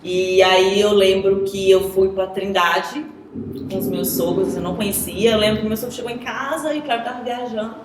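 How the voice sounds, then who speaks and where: A woman's voice: mid-range voice, steady tone, moderate pace, noisy background. A young woman from Goiás, Brazil, giving an earnest personal testimony as an interview guest, full of "assim" and "sabe". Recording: echoey room.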